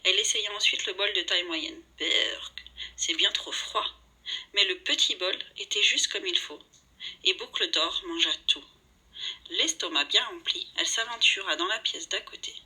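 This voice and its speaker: A woman narrating a children's storybook in a lively way, voicing the characters' lines as she goes. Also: medium pitch, normal speed, slightly rough, low-quality recording.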